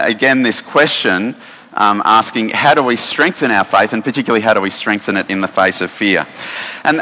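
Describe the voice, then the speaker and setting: A man with an Australian accent preaching a casual sermon, chatty and relaxed, with many fillers and restarts. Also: medium pitch. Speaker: pastor. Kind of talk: casual sermon with instructions for children. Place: church hall. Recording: long reverb of a church hall.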